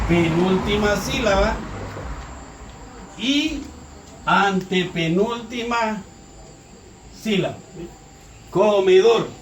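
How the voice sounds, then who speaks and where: A man teaching a recorded grammar lesson, asking questions and answering them himself, repeating key words slowly. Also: high-pitched. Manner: slow, repetitive, asks and answers his own questions. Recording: roomy, distant mic, faint noise.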